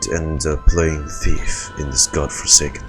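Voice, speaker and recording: A man's voice: very deep voice, flat delivery, unhurried, music in the background, voice pushed down. A man reading as a cold scheming officer. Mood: menacing. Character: cold scheming male military officer villain.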